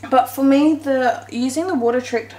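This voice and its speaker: In a high voice at normal speed, a home vlogger narrates her baking casually, chatting and correcting herself as her hands keep working. The recording has the echo of a home kitchen and some faint noise.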